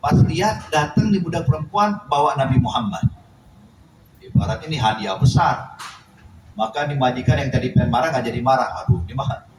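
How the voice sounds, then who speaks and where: A man's voice: mid-range voice, moderate pace. A man preaching a sermon, telling a story and acting out its dialogue with animation. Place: mosque or study hall. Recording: echoey hall, distant mic, noise.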